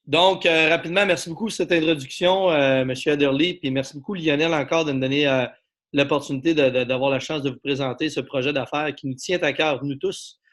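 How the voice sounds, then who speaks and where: A man with a Québécois French accent gives a business presentation to an online audience. His voice sits a little high, and he keeps pulling listeners in with rhetorical questions and drives his pitch with steady salesman energy. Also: brisk. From Quebec. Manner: persuasive, asks the audience for agreement, many fillers. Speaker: network marketing presenter.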